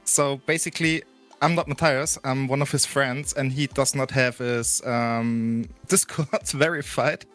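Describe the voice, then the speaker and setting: A man's voice: medium pitch, steady tone, measured pace, fairly bright tone, soft background music. A man calling in over a group voice chat as a friend of a racing driver, chatting casually and laughing as he tells a story. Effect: heard over a group voice chat. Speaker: friend of a sim racing driver, call-in guest.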